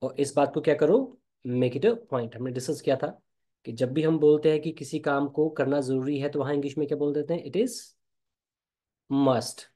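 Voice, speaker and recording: A man with an Indian accent teaching a spoken English lesson, explaining slowly and repeating example phrases. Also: fairly high pitch, mellow.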